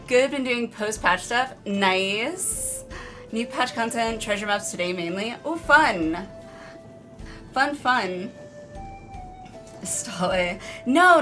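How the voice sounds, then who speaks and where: A woman's voice: on the high side, sharp tone. Casual woman live streamer over background music. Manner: informal, rambling, self-deprecating. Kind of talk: casual chat with stream viewers. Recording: music behind the voice.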